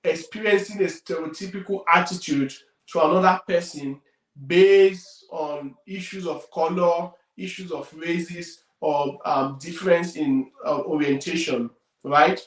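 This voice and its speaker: A Nigerian-accented man coaching listeners on careers, his voice pitched a little high for a man. He talks emphatically, hammering points home with swings in volume. He is recorded from a distance, in an echoey room. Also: unhurried. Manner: emphatic, repeats key points, loudness swings widely. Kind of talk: career advice talk.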